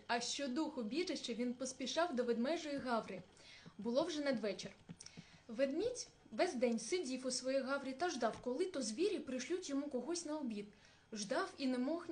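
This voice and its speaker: A woman reading a fairy tale aloud with expressive storytelling. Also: high voice.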